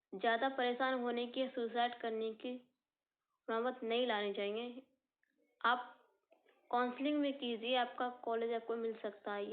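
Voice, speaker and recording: Woman coaching teacher, high voice, earnest informal explainer, tinny phone-like recording. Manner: earnest, repeats and rephrases points, speaks directly to students. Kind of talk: informal exam-results explainer.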